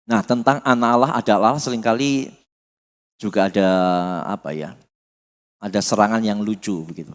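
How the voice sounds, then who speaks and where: A man preaching a teaching sermon, firing rhetorical questions and dropping from loud to almost muttered. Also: fairly low pitch, normal speed, long pauses. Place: church hall. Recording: long hall reverb.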